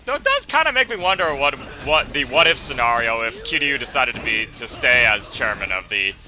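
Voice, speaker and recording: A man doing casual let's play commentary, halting and stammering as he rephrases his thoughts. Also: mid-range voice, big pitch swings, bright, forceful tone, slight background noise. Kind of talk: casual rambling game commentary.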